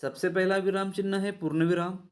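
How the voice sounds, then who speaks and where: A man teaching an online Hindi grammar lesson in a measured way, speaking to his students directly. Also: high voice, level tone. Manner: measured, addresses the students often.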